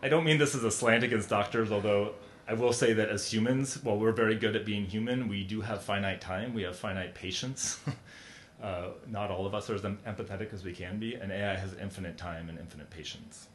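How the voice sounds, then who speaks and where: A middle-aged man giving a conference keynote talk in a large hall, speaking conversationally with many fillers and restarts. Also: a little fast. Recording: echoey hall, faint rumble.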